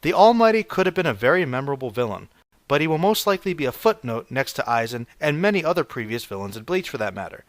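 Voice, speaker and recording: A man narrating a scripted video essay as a reviewer, with a measured, analytical delivery. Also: mid-range voice, big pitch swings, no echo.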